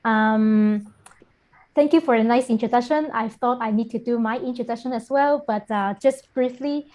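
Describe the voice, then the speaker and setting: A middle-aged woman from Hong Kong, a guest lecturer, gives an online lecture over a video call. Her voice is somewhat high with a darkish tone, and she speaks in a measured way, with frequent fillers between phrases.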